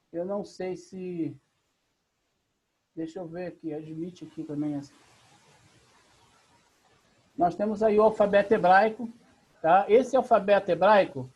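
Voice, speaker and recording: Husky-voiced Brazilian teacher on a video call. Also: mid-range voice, a little mellow. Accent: Brazilian Portuguese. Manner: patient, explains step by step, often checks in with "tá?". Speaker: Bible language teacher. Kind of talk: online class lecture. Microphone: video call computer mic.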